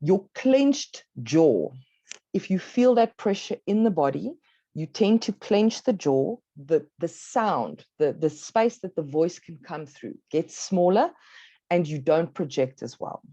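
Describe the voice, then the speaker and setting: A South African woman giving a workshop presentation, measured and instructive, stressing key words clearly. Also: on the low side, animated, dark tone, no room sound, lo-fi sound.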